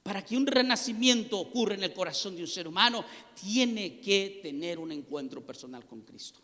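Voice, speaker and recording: Impassioned high-voiced preacher in a hall. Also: male voice, expressive, moderate pace. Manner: impassioned, rising to near-shouts at peaks. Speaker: pastor. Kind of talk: sermon with personal testimony. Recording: long reverb of a hall.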